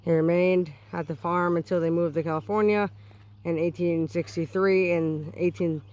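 A man's voice: a little high, little pitch movement, normal speed, darkish tone. A man vlogging on a rural hiking trail, casually narrating and reading historical plaques aloud, stumbling and correcting himself as he goes. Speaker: vlogger exploring a historic site.

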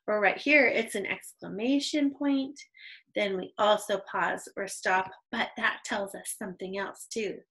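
A woman's voice: on the high side, low-quality recording. A young adult woman teaching an online reading lesson to young children, patient and encouraging, on a computer microphone.

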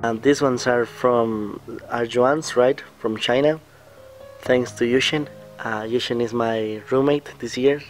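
This student vlogger, a young man, takes his time as he rambles through a casual vlog chat beside a building outdoors. Speaking into a close camera mic at a middle pitch, he sounds relaxed, tossing in fillers and laughs while faint soft music plays behind him.

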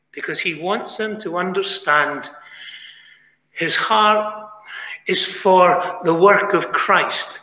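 A British man preaching a sermon in a chapel, pleading earnestly, moving from quiet asides to raised, emphatic lines. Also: high-pitched. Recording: echoey chapel with long reverb.

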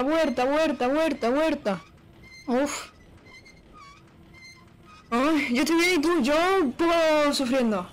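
A woman, giving excitable let's-play commentary on a horror game and chanting repeated words. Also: sits high, a little hiss or hum. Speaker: gaming YouTuber.

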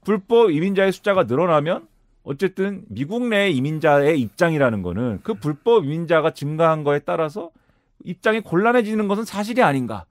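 A man with a fairly high pitch and a fairly quick pace, recorded with no room sound, appears as a commentator guest in a studio. He talks through politics in an analytical discussion, explaining each point step by step. His delivery is explanatory and lively, with sudden rises and drops.

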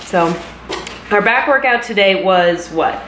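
Filmed indoors in her home kitchen, a fitness vlogger, an American woman in her thirties, talks casually and explains things to camera. She has a medium-pitched voice, speaks slowly but animatedly, and the roomy space picks up some background noise.

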